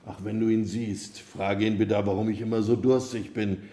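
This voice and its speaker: A man's voice: on the low side, level tone, moderate pace, warm tone, lightly acted. A man voicing a thirsty tree by a river in his own plain storytelling voice. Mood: pleading. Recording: roomy echo.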